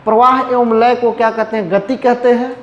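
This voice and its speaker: A man's voice: very high-pitched, steady tone, dull audio. Man teaching in an echoey classroom. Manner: asks questions and answers them himself; repeats definitions slowly while writing. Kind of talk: classroom lecture. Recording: echoey room with faint noise.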